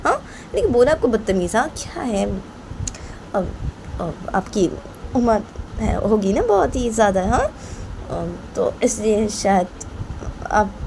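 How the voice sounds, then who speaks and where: A woman voicing a nervous, polite young woman who pleads and defends herself softly. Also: medium pitch, vocal fry, background noise, pitched above the performer's own voice.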